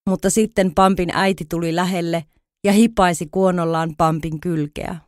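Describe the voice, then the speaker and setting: A woman reads an easy-read children's story aloud, slow, clear and even. Her voice sits on the low side and the recording is dry and close. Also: no room sound. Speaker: audiobook reader.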